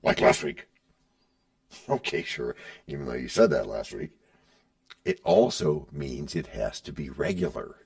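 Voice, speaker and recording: Middle-aged man, podcast host, playful scripted banter, gravelly husky voice, distant mic. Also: very deep voice, wildly swooping pitch, measured pace, pauses often. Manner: playful, switching between his own voice and a sidekick. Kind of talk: scripted comedic banter with himself.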